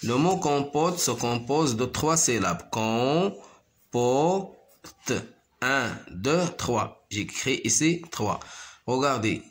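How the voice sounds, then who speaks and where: A man teaching a primary school French lesson, repeating each word slowly, counting syllables and explaining in Arabic. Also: medium pitch, expressive, a bit bright, a little hiss or hum. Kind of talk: slow classroom reading lesson.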